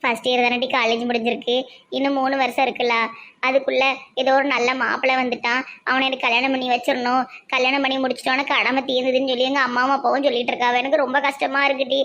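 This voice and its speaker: A woman voices an anxious young college girl in a cartoon, speaking softly and tearfully. Her Tirunelveli accent colours every line, and her voice sits fairly high. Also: level tone, fast, highs cut off. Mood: despairing. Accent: Tirunelveli Tamil. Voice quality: soft, tearful. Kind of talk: cartoon voice acting.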